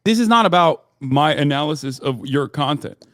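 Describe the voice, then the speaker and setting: A man's voice: fairly high pitch, animated, normal speed, a bit bright, no echo, clean studio sound. A man who grew up in Turkey, a commentator debating on a live stream, hesitant with many fillers and restarts, swearing now and then.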